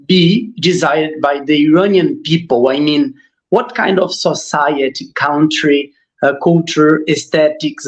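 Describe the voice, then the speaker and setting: Guy on a bad call connection, kinda high voice, muffled lo-fi sound, lots of ums. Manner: halting, hesitant, with fillers. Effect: poor call connection. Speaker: panel participant asking a question. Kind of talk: asking a question on a video call. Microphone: video call.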